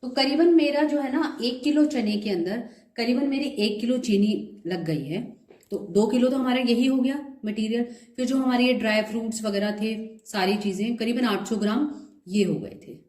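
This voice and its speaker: Speaking at a fairly high pitch and moderate pace, a woman with a slightly sore throat hosts a cooking video, chattily guiding viewers through a home recipe step by step and mixing in English words. Her tone is a little mellow and friendly, and the recording has an echoey room sound.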